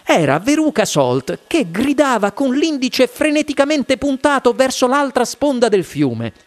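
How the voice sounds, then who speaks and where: Male audiobook narrator, high for a man, very animated delivery. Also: measured pace. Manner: lively, animated reading. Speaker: audiobook reader. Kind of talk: expressive storybook narration.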